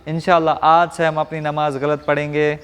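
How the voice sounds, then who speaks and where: A man from Rajasthan teaching Quran pronunciation to a class, asking questions and modeling each sound slowly. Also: a little high, monotone, a bit bright, clear, resonant tone, big-room sound. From Rajasthan, India. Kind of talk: classroom lesson.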